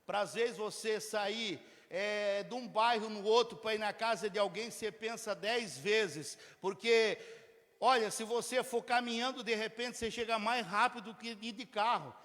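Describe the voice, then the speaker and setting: A man from Mato Grosso preaching from the pulpit in a strikingly high voice. He swings from shouted exhortation to hushed, homely storytelling. A long reverb trails every phrase, as if the sound fills a large church. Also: moderate pace. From Mato Grosso, Brazil. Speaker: pastor. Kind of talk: sermon.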